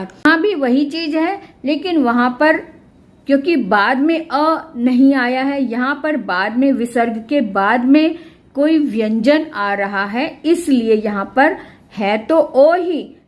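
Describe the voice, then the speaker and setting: A woman teaching a grammar lesson to students, explaining patiently and checking they follow. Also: high-pitched. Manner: patient, explanatory, checks understanding with tag questions; reads examples out slowly and clearly. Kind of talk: classroom-style grammar lesson.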